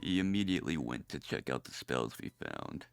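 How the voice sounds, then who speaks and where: A streamer voicing a male robot character in a streamed tabletop game, using a robot voice filter and a flat, deadpan delivery. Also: rumbling low, a little fast, creaky, smooth, faint music behind, voice pushed down, full character voice. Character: deep gravelly male robot adventurer.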